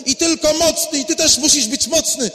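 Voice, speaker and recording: A man doing a boastful, self-satisfied male apostle who lectures everyone with loud, emphatic certainty. The voice sits high and bright and rings through a reverberant church hall. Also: moderate pace. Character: proud self-assured male apostle preaching strength.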